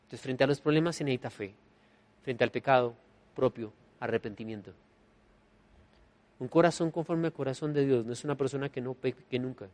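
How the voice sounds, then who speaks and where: A man preaching a sermon, emphatic, swinging between soft and loud and repeating key phrases as refrains. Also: mid-range voice, fairly even intonation, fast talker, hardly any pauses. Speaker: pastor.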